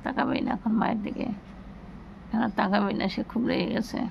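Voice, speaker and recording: A woman's voice: medium pitch, fairly even intonation, brisk, creaky, lo-fi sound, slight background noise. A woman at home talking to her cats in casual chat, scolding and coaxing them in a singsong way. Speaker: pet owner vlogger. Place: home, bedroom.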